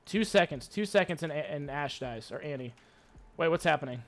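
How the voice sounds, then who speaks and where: A young man giving excitable, hyped commentary while playing a video game, swearing and taunting his enemies. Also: on the high side, moderate pace. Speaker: gaming YouTuber. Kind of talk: live gameplay commentary.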